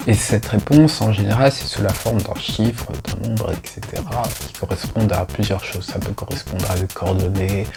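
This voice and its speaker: A young man vlogging in a casual, self-mocking way, full of fillers and restarts. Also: fairly low pitch. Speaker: youtuber. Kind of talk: casual vlog chat. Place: indoors at home. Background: faint background music.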